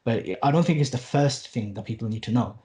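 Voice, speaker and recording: A podcast guest who teaches Arabic, in his late 20s, speaks a little fast in a mid-range, darkish voice. The casual conversational interview is earnest, peppered with restarts, fillers and occasional wry asides.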